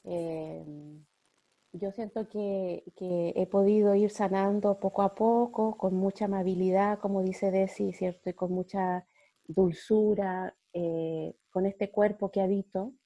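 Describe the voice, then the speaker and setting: A middle-aged woman giving a gentle spiritual talk to a group, often checking in with her listeners. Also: mid-range voice, steady tone, muffled recording. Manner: gentle, slow, with frequent "¿ya?" checks.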